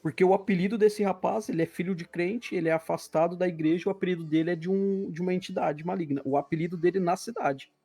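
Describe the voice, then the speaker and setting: Higher-voiced man telling a testimony. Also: steady tone, quick pace, few pauses, mellow, breathy edge. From Brazil. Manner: earnest, vivid, acts out dialogue. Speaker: podcast guest. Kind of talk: personal testimony storytelling.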